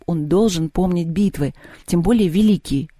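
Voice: mid-range voice, moderate pace, mellow, no room sound, clean studio sound, natural voice. A reader voicing an eager girl who knows where to find answers. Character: eager young girl, knowing.

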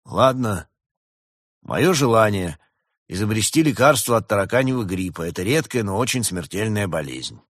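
A man's voice: lowish voice, animated, normal speed, dry recording, clean studio sound. A man voicing a nervous, defensive male rabbit doctor in a read-aloud fairy tale. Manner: fretful, defensive.

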